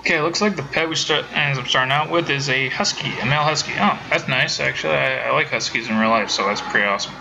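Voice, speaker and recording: A man's voice: medium pitch, fast talker, creaky, few pauses, highs cut off. A man streaming a game from home, chatting casually with viewers and rambling with many self-corrections. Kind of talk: casual let's-play commentary.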